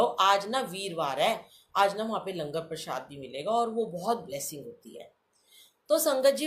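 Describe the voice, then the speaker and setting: A woman's voice: medium pitch, fairly bright tone, slight background noise. A middle-aged woman sharing her own devotional testimony as a story, often calling out to the listeners and acting out the people in it. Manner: repeatedly addresses listeners as sangat ji, acts out quoted dialogue.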